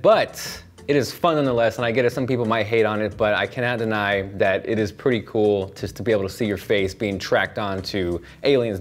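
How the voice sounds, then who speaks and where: An enthusiastic young man chatting casually through a tech review, recorded outdoors. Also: on the low side.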